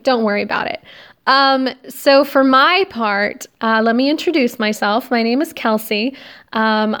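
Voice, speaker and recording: A young American woman with a fairly high, very clear voice and a slight lisp from wearing braces. She hosts a podcast alone, rambling in a casual, confessional and self-deprecating way. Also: fairly bright tone. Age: young adult. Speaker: podcast host. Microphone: recording on a phone.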